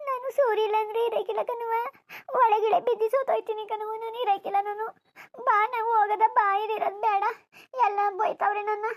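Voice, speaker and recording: Someone voicing a young cartoon daughter-in-law begging, very high voice, soft and pleading. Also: flat delivery, quick pace. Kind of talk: cartoon voice acting.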